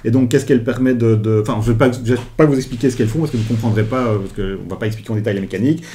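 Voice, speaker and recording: A man co-hosting a board game review, explaining the rules in casual chat, animated and often correcting himself mid-sentence. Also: mid-range voice, very fast, slight background noise. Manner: animated, self-correcting, finishes his partner's sentences.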